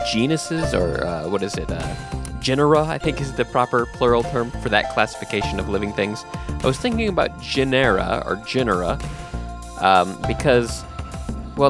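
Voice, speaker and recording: A man hosting a podcast in casual chat, rambling with many ums and restarts. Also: fairly low pitch. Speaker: podcast host.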